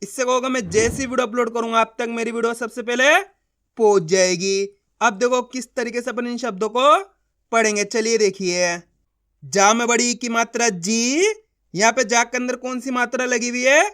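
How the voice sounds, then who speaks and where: A man with a fairly high, smooth and resonant voice runs a beginners' reading lesson. He sounds out syllables one at a time, drawing them out, and keeps asking the learner how they are read. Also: steady tone, a bit bright. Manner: slow, drawn-out syllable sounding with repeated questions to the learner. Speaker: teacher.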